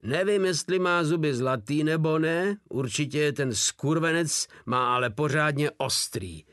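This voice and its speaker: A man's voice: a little high, fairly bright tone, no echo, clean studio sound, close to an everyday voice. A man voicing a hulking, foul-mouthed soldier who bellows crude threats. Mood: rowdy, crude.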